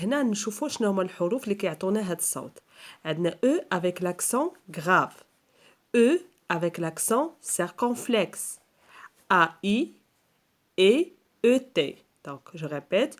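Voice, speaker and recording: A woman with a Moroccan accent teaching a school lesson for young children, explaining step by step with patience and stretching out example words slowly and repeating them. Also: on the low side.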